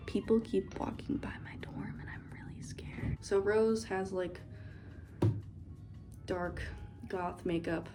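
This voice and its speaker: A beauty vlogger does her makeup in a dorm room for a get-ready-with-me video. She's a young woman with a mellow, low-side voice who rambles playfully as she works.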